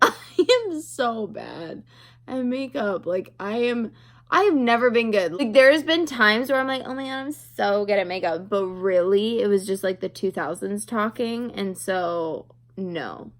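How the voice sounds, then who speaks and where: A little slow but animated, her medium-pitched voice carries a chatty makeup storytime. The twentysomething video creator rambles, giggles, and laughs at her own expense as she tells it.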